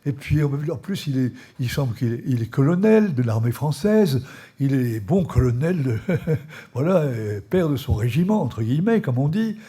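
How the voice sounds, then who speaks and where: A priest giving a spiritual training talk, telling an anecdote with many fillers and soft chuckles. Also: male voice, mid-range voice, big pitch swings, moderate pace, slightly rough. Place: live session before an audience.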